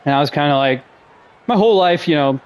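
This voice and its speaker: A man's voice: fairly high pitch, animated, fast, clear, resonant tone, some chatter behind. A man in his twenties from Russia, hosting a podcast with a casual, rambling, profane, self-deprecating monologue full of fillers. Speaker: podcast host.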